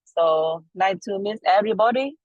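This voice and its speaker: A woman introducing herself to her class from a car speakerphone while driving, speaking in halting, hesitant phrases. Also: medium pitch, dry recording. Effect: over a car speakerphone while driving. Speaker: student. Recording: dull lo-fi car call audio.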